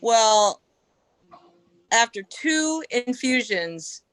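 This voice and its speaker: A middle-aged woman tells her story on a podcast, lively and expressive, jumping into other people's voices as she recounts what they said. The sound is close and dry, with no room around her. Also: fairly high pitch, very slow, dry recording, poor audio. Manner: animated storyteller, acting out quoted speech. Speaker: podcast guest, melanoma survivor. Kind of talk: casual podcast conversation.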